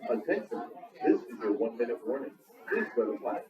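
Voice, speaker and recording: A man's voice: medium pitch, very animated, brisk, muffled recording. Man's bell warning over a PA system. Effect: heard over a school PA loudspeaker. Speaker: school announcer. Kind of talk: public announcement. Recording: echoey distant loudspeaker with crowd noise.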